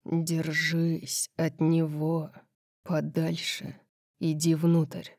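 Casting: woman voicing a low, gruff male vampire tutor for an audiobook, slow, dark tone, flat delivery. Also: dry recording, clean studio sound, exaggerated voice. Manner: low, rough, clipped. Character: brooding male vampire teacher, gruff, restrained.

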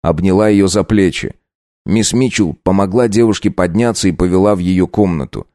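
A man narrating a dark audiobook in a steady storytelling voice. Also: deep voice, moderate pace, dry recording, studio quality.

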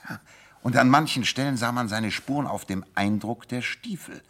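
An actor playing Sherlock Holmes as a confident, sharp-witted detective in a radio play, theatrical and self-assured. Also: male voice, medium pitch, normal speed. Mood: self-assured, explanatory. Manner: theatrical, self-assured, amused chuckles between explanations. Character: confident, sharp-witted male detective explaining his deductions.

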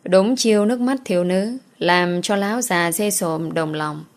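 A woman reading an audio novel in a steady voice. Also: lowish voice, unhurried. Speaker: narrator.

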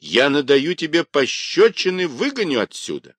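Brief: male narrator putting on shrieking old crone of a teahouse, sharp and lively. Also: normal speed, slightly rough, no room sound, full character voice. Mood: scolding. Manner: shrill, scolding, shouting. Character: scolding old woman teahouse keeper.

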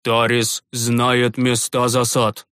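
A man voicing a grim, devout old priest who speaks slowly and gloomily in a fantasy audiobook. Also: mid-range voice, steady tone, a bit bright, no echo, clean studio sound. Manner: gloomy, slow and measured.

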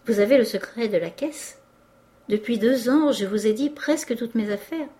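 A woman voicing a shrewd, exuberant old male cloth merchant who talks in a hearty, animated, lecturing way. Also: fairly high pitch, moderate pace, pitched above the performer's own voice, natural voice.

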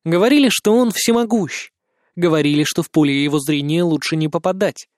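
A man narrating a first-person audiobook in an expressive, dramatic storytelling manner. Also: fairly high pitch, fairly quick, no echo, clean studio sound.

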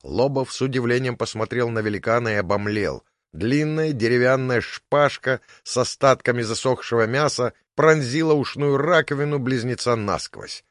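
A man narrating an audiobook, expressive and storytelling. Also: medium pitch, normal speed, hardly any pauses, dry recording, studio quality. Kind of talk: scripted narration.

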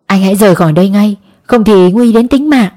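A young woman's ghost, as a woman storyteller puts her on, hurrying and urging from beneath the grave. Quick and pressing, with a mellow, soft-edged tone, in a spoken ghost story. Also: medium pitch, lightly acted.

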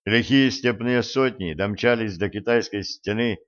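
A man reading narration for an adventure audiobook in a steady, measured way. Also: lowish voice, dull audio. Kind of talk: scripted narration.

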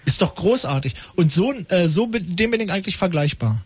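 A man hosts late-night call-in radio in a high, breathy voice. He rambles with mock-pompous irony, recorded close and dry in the studio. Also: animated, fairly quick, dry recording.

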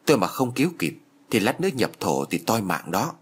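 A blunt, hot-headed village man, voiced by a male narrator, speaks with indignant force in a spoken tale. His voice sits low with a husky grain. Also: big pitch swings, brisk.

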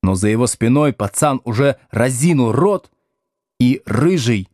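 A man reading a novel aloud as scripted narration with expressive storytelling. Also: medium pitch, unhurried, no room sound, studio quality. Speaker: audiobook reader.

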